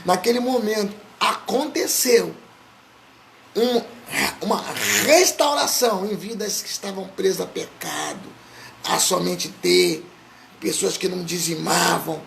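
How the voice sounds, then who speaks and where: A male pastor preaching with fervor, often rising to shouts. His voice sits very high and has a gravelly fry. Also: measured pace, a little hiss or hum. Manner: impassioned, builds to shouting. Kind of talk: sermon.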